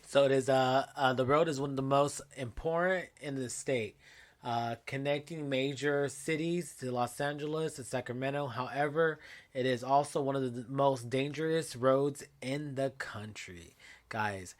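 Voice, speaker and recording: A man's voice: medium pitch, moderate pace. A man chatting casually as a podcast co-host in a playful, teasing manner. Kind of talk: casual chat.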